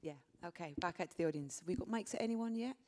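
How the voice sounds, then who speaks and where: A woman moderating a press conference, reading out questions and briskly directing the room. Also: on the low side, darkish tone.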